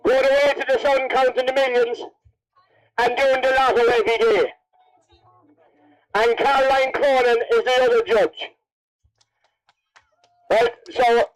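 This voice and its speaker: A man's voice: very high voice, poor audio. An Irish man working as MC at an event, announcing and interviewing people in a jokey, teasing way. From Cavan, Ireland. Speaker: MC of a best dressed contest at horse races. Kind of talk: announcing and interviewing over a public address.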